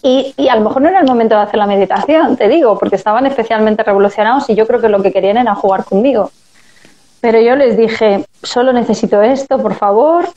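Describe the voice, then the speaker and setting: A woman's voice: fairly high pitch, fast, mellow, muffled recording. A woman speaking as a parenting guest in a casual live chat, telling anecdotes and acting out family dialogue.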